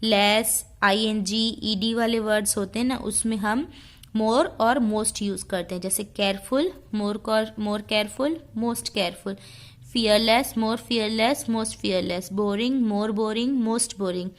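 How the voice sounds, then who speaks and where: Slow, deliberate woman teacher. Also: mid-range voice. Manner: reads English rules slowly, then explains them quickly in Hindi. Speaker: English grammar teacher. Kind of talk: classroom lesson explanation.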